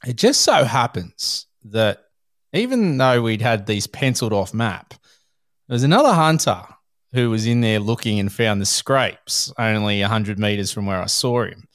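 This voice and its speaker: An Australian-accented man hosts a podcast, telling stories in a loose, lively way at a moderate pace, with bits of laughter and casual slang. His low voice is recorded dry and close, with no room sound at all.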